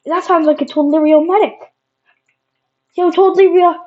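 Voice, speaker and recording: A woman's voice: very high voice, fairly even intonation, moderate pace, pitched above the performer's own voice. A woman voicing an overeager fake medic who keeps insisting she is real, in a playful, insistent manner, heard on a dull lo-fi recording. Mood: sly.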